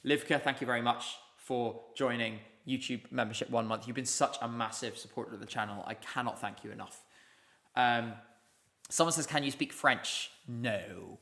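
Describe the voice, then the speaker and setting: With a sharp, mid-range voice, an English-speaking man runs a live stream from a room in Basel. He reads out comments from viewers, rambling casually and filling gaps with many ums.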